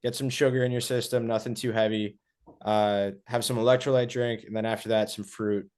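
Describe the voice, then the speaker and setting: A young man, a college wrestler, giving short, relaxed answers with fillers as a guest on a casual podcast. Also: lowish voice, fairly quick. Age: young adult.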